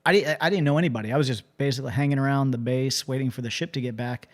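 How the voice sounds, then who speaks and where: A man hosting a casual interview, telling animated stories and often restarting his sentences. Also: mid-range voice, racing. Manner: animated storyteller, frequent restarts.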